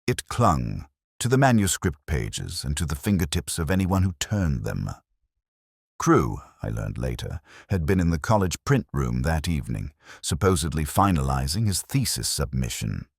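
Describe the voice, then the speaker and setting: A man playing a pensive, melancholy police inspector, narrating a mystery in measured, deliberate literary phrasing. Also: a bass voice, sing-song, creaky, breathy edge, no room sound, studio quality, heavily acted. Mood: brooding, reflective. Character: pensive, melancholy male Oxford police inspector recounting a case. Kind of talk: scripted literary detective narration.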